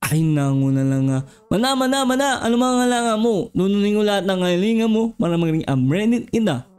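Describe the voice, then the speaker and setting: A giant bee in a Minecraft role-play, voiced by a YouTuber, grumbling in a low, garbled mumble that is hard to make out. The voice is smooth and clear despite the slurred words. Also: expressive, brisk, darkish tone, natural voice.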